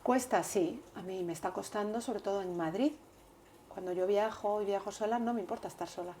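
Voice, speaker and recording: A woman guest in an interview, talking earnestly and in a measured way, often repeating words while she thinks. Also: mid-range voice, mellow, a little hiss or hum. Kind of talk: reflective interview talk.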